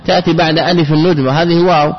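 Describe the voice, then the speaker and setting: A man's voice: on the high side, steady tone, rapid-fire, breathy edge. A male teacher gives a classroom lecture on grammar. He keeps asking rhetorical questions and repeating key phrases as he explains. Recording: dull lo-fi recording with long hall reverb.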